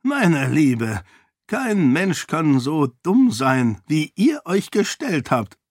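A man's voice: fairly high pitch, very animated, slow, no echo, clean studio sound, pitched above the performer's own voice, exaggerated voice. A man voicing a sly, mocking old duke. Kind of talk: audiobook character voice.

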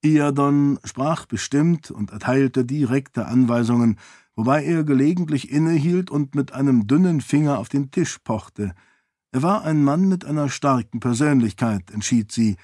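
A man narrates a fantasy audiobook in a measured, even voice of middle pitch. The recording is dry and close, with no room sound. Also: no room sound. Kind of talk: scripted narration.

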